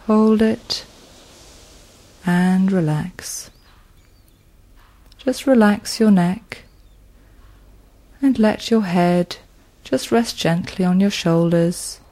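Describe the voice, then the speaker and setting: A woman leading a guided progressive muscle relaxation, speaking in a slow, soothing manner with long pauses. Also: medium pitch, steady tone, mellow.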